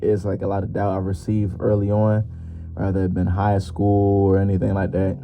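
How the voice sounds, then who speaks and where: A 21-year-old man hosts his own solo podcast, rambling loosely and jokingly with lots of slang and fillers. His low-pitched voice stays monotone at a moderate pace, and the lo-fi recording sounds muffled with music behind it.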